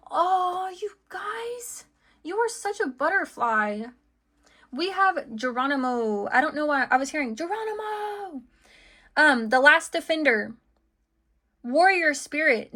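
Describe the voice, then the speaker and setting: Bright-voiced woman giving a tarot reading. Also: high-pitched. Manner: chatty, full of "okay" and "like" fillers. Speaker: tarot card reader. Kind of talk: intuitive tarot reading to viewers.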